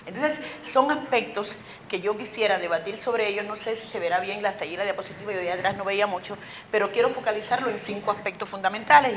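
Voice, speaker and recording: A woman with a Cuban accent giving a lively, very fast lecture to teachers, asking many rhetorical questions. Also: medium pitch. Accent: Cuban Spanish. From Cuba. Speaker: conference speaker. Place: school auditorium. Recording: echoey hall with faint noise.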